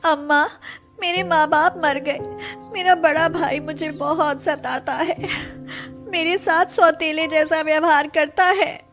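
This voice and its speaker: A woman voicing a meek, mistreated younger sister, plaintive and hesitant, in an animated moral story. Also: high voice, slow, faint music behind. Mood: sad.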